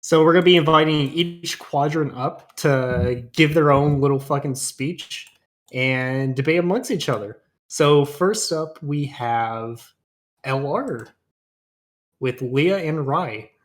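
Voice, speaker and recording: A man's voice: fairly high pitch, takes it slowly. A man casually hosting an online debate as moderator, informal and loosely organised in the way he talks.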